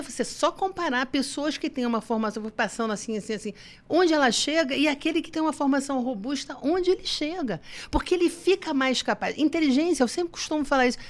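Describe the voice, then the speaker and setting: A woman educator, making emphatic points in a casual podcast chat. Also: sits high. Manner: emphatic, opinionated.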